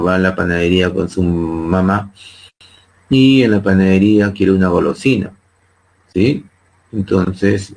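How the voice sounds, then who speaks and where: A man's voice: fairly low pitch, vocal fry, slightly rough. A man with a Peruvian Spanish accent teaching a psychology class to students online, often checking in with them by asking "¿sí?". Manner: asks students frequent tag questions.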